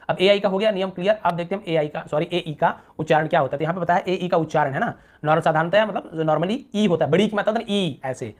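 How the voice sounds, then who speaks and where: Man, brisk pronunciation teacher, drawn-out example words, quick check-in questions. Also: on the high side. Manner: repeats example words slowly and stretched; asks the viewer rhetorical checks. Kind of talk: Hindi-language pronunciation lesson.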